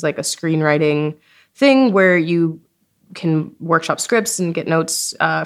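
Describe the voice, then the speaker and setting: A young woman in her twenties, a podcast creator, is a guest in an interview at a festival recording studio. Her lowish voice carries super casual, chatty storytelling as she animatedly quotes herself and says "like" constantly.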